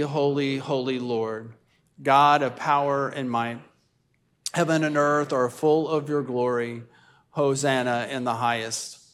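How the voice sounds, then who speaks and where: Male pastor, mid-range voice, solemn and measured, reading liturgy and preaching to a congregation with declamatory weight. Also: mid-range voice. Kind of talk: sermon and communion liturgy. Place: church service.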